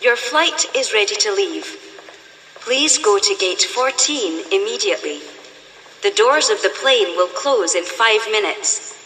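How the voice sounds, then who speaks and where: Airport announcement part for a woman: firm, formal, mid-pitched and bright, voice ringing around a large hall. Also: expressive, measured pace. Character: firm, formal woman giving final boarding calls. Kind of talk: airport announcement, scripted for a listening exercise. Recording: echoey hall PA, faint noise.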